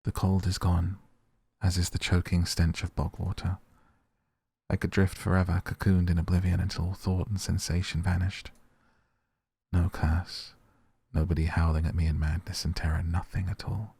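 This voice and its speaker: A man reading a visual novel story aloud in a measured, dramatic narrating style. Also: deep voice, little pitch movement, gravelly, warm tone, husky, dry recording. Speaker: video game player reading aloud.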